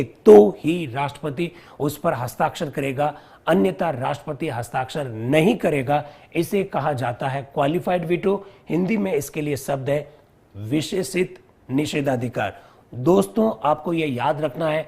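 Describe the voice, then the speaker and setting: A man's voice: a little high, a little mellow, breathy edge. A man teaching a live online civics lesson, explaining step by step, repeating key terms and quizzing his viewers.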